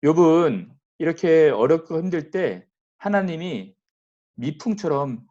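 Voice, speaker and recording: A man's voice: fairly high pitch, expressive, takes it slowly, dark tone, dull audio. A male pastor giving a morning devotional sermon in a conversational way, speaking directly to his listeners.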